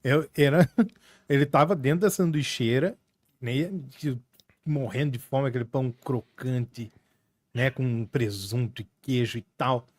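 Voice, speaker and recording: A man's voice: medium pitch, a little slow, darkish tone, no room sound. A man co-hosting a podcast, telling a jokey anecdote casually with laughter. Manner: joking, laughing anecdote teller. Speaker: podcast co-host. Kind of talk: casual chat.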